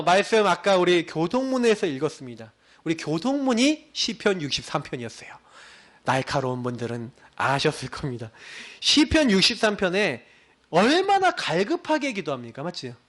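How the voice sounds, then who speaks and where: Guy preaching a sermon, high voice that swings all over, acts out little prayers. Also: a bit bright. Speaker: pastor.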